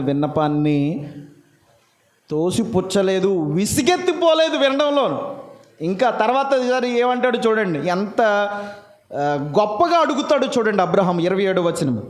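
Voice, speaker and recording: A priest, preaching a lively Sunday homily to his congregation with many rhetorical questions. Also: high-pitched. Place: church. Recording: echoey church.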